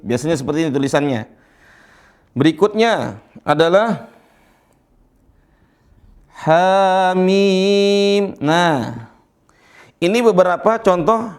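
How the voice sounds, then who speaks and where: A man teaching Quran recitation in a slow lesson, patiently repeating letters and checking that his students follow. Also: a little high. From Indonesia.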